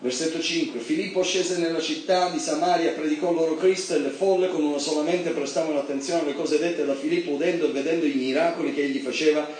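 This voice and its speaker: A man preaching a sermon in an animated way, reading scripture and breaking into high emphatic bursts. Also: fast, few pauses. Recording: very echoey hall, mic far off, faint background noise.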